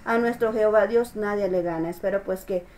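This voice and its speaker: A woman's voice: mid-range voice, brisk, a little mellow. A woman pastor preaching a sermon, emphatic and repeating her phrases, often asking her listeners for agreement.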